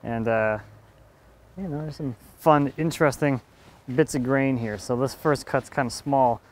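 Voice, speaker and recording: A man's voice: mid-range voice, darkish tone. A man in his thirties casually explaining his work as he saws a log outdoors, thinking aloud and chuckling now and then. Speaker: woodworker running a sawmill. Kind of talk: casual on-site narration. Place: outdoors in a yard at a sawmill.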